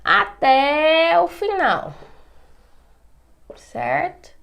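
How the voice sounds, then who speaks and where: A woman's voice: sits high, big pitch swings, extremely slow, gravelly, highs cut off. A Brazilian woman with a Brazilian Portuguese accent teaching a writing class at a whiteboard. She asks the class questions and answers them herself. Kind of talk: whiteboard lesson.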